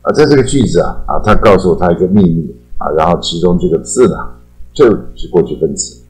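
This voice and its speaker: Older man, Taiwanese Mandarin accent, very deep voice, relaxed chatty teacher who draws out his particles, soft music bed. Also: low-quality recording. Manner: chatty, drawn-out sentence-final particles. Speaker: English teacher. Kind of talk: casual explanatory lesson.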